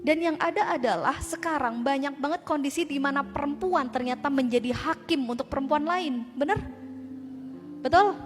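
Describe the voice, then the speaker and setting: High-voiced woman giving an animated talk. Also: normal speed. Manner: animated and conversational, with rhetorical questions to the crowd. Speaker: speaker addressing a women's community group. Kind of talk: motivational religious talk to a live audience. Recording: long hall reverb with music behind.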